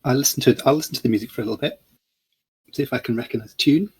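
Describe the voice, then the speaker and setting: A man's voice: medium pitch, very fast, husky. A man playing a tabletop game, laughing often in casual talk. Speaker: player.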